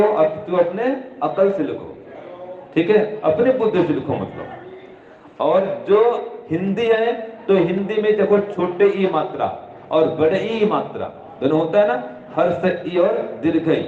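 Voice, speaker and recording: A man's voice: high-pitched, slight background noise. A man giving moral instruction to students in a didactic way, repeating his points and answering his own questions. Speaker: religious teacher addressing students. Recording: echoey room over a tinny phone-like line.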